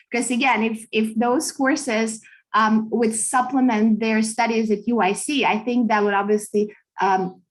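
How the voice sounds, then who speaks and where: Woman from Russia, Russian native, study abroad advisor, upbeat video-call presenter, slightly high voice. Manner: upbeat, chatty, many fillers. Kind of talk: online information session.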